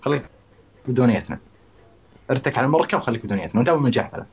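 A man's voice: mid-range voice, big pitch swings, racing, slightly rough. A man hosting his own live stream, rallying his supporters and calling out donors by name. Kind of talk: live-stream battle banter.

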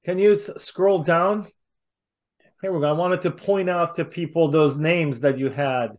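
Speaking at a measured pace in a fairly high voice, a middle-aged man hosts an informal interview. He's indoors on a video call, captured by its microphone.

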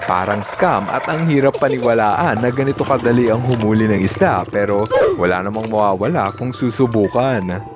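A man's voice: fairly low pitch, normal speed, loud music behind the voice. A man, hosting and narrating scripted voice-over, upbeat and mixing English asides into his commentary. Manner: upbeat, with Taglish asides and reactions. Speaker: host.

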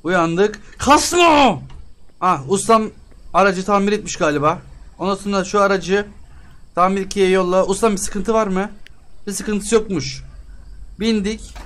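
A man's voice: high voice, fairly even intonation, moderate pace, a bit bright. A man hosting a game let's-play, chatting with the characters on screen as he haggles over prices and often bursts out in exasperation. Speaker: gaming channel host.

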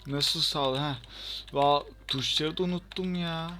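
A young man giving chatty, excitable let's-play commentary and talking back to the game. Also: on the high side, unhurried, background noise. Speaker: gaming channel host.

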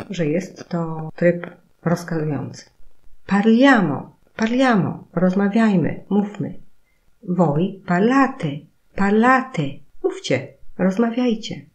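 Slow, careful woman teaching Italian. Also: on the low side, a little mellow. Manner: slow, careful explaining with emphatic model words. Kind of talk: recorded language lesson.

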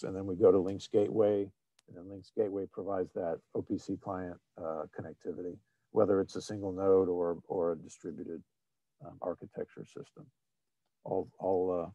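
A man presenting an online technical seminar over shared slides, explaining in a halting way with many fillers and restarts. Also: deep voice, little pitch movement, mellow, dry recording, lo-fi sound. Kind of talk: screen-shared webinar presentation.

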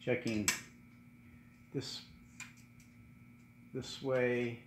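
A middle-aged man giving a casual workshop how-to, talking in a halting way with many fillers and restarts. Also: mid-range voice, little pitch movement, a little hiss or hum. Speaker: channel host restoring cars. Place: home garage workshop, indoors.

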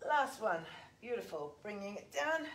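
Counting reps while she exercises, this English-accented woman in her forties runs a live workout session in a big indoor gym. She speaks at an ordinary pace in a mid-range, sing-song voice, recorded by a fixed camera several metres off.

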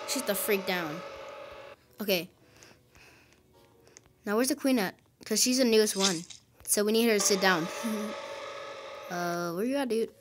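A woman giving casual commentary over her gameplay. She gets excited quickly and grumbles at her teammates. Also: medium pitch. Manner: excitable, quickly frustrated, calls teammates idiots. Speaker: gaming video host.

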